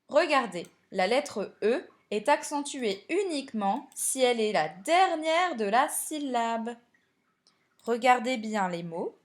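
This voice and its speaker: Slow, clear-spoken woman teaching spelling. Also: a little high. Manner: slow, clear classroom explanation, addressing pupils directly. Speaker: primary school teacher. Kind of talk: recorded spelling lesson.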